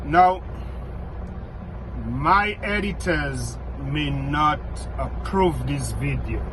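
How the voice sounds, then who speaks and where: A middle-aged vlogger from Dominica, speaking with a Dominican accent, delivers outspoken commentary straight to camera. He's blunt and repeats points for emphasis in a slightly high voice, over a noisy background.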